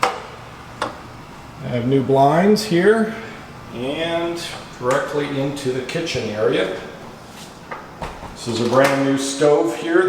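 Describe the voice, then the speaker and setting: A man narrates a casual property tour in a matter-of-fact, itemizing way, with a mid-pitched voice. The sound is strongly reverberant, like bare rooms in an empty house, with a faint layer of noise. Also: darkish tone. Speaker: property owner and video host.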